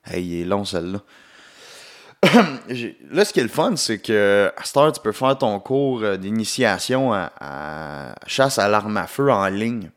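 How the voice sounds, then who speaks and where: A man's voice: on the low side, very animated, measured pace. A young man with a Québécois French accent, hosting his own solo podcast in a rambling, joking way with plenty of filler and English words mixed in. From Quebec. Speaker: podcast host and comedian. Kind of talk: casual solo podcast monologue.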